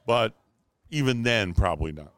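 Animated man in a dry podcast chat. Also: on the low side, moderate pace, dry recording. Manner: animated, emphatic, swears casually. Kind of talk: casual political and media chat.

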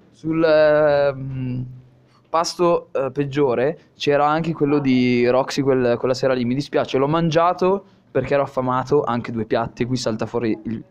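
A man's voice: medium pitch, steady tone, a little slow, a little mellow, muffled recording. A young man being interviewed, chatting casually and bluntly in slang with plenty of swearing. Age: young adult. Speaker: podcast interview guest.

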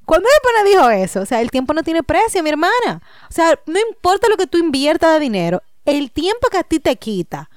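A woman co-hosting a podcast in casual chat, animated and emphatic, laughing often. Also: extremely high pitch, fairly quick, hardly any pauses, no room sound, clean studio sound. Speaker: podcast co-host.

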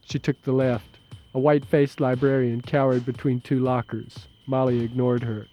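A man narrating an audiobook in a measured, steady, low-key way. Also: faint music behind. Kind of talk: scripted narration.

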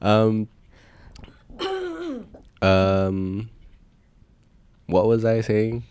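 A man's voice: fairly low pitch, level tone, drawn-out words, a little mellow, clear, resonant tone. A man with a Malaysian accent chatting casually and telling anecdotes, switching between English and Malay.

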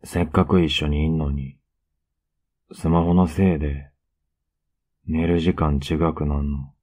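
A man playing a tender, teasing, clingy younger boyfriend in an ASMR role-play, murmuring softly and intimately. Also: a bass voice, fairly even intonation, a little slow. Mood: pouty, affectionate. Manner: soft, intimate, coaxing murmur.

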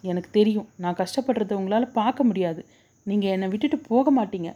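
A woman voicing a distraught young woman who sobs and begs, loud and high, in a spoken story. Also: brisk, muffled recording, lightly acted. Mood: desperate. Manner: sobbing, high and loud pleading. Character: distraught young woman begging her dying love.

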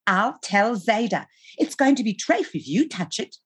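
A woman's voice: very animated, normal speed, breathy edge. A woman voicing a wheezy, whiny little boy who tattles on his sister while she reads her novel aloud. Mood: whiny tattling. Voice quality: wheezy, high and nasal. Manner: whining, self-righteous.

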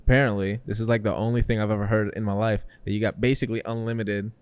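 A laid-back man hosts a podcast, chiming in often and laughing along with his guests. His voice is on the low side. The sound is close and dry. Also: little pitch movement, quick pace, clean tone, no echo. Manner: laid-back, lots of backchannel "yeah", laughs easily. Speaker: podcast host. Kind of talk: casual podcast chat.

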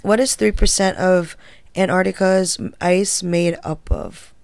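A woman's voice: lowish voice, steady tone, unhurried, gravelly, darkish tone, dry recording. Young woman co-host, stoned, giggly and laid-back, swears freely, dry close sound. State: high. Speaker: podcast co-host. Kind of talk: casual chat.

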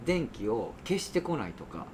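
A man's voice: mid-range voice, big pitch swings, normal speed, a little mellow, a little hiss or hum. A man with a Kansai accent hosting a casual chat podcast, teasing and laughing often. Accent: Kansai Japanese. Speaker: podcast host.

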